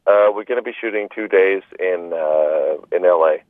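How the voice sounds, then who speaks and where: Deep voiced guy calling into a radio show, joking, rambly, thin phone sound. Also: moderate pace, no echo, narrow, tinny audio. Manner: joking, rambling, with repeated restarts. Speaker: film director being interviewed. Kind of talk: casual radio interview.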